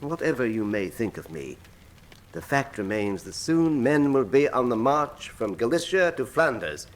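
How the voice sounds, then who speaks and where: An actor playing a suave, pompous criminal professor in a radio drama, speaking in eloquent, deliberate, menacing monologue. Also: male voice, mid-range voice, very animated, close to an everyday voice. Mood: grandiose confession. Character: suave, grandiose male criminal mastermind professor, coolly menacing.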